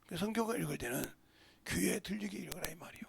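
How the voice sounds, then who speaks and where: An older man preaching a sermon as pastor, forceful and blunt, jumping between loud outbursts and low murmurs. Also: rapid-fire, gravelly, slightly rough. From South Korea. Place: church sanctuary.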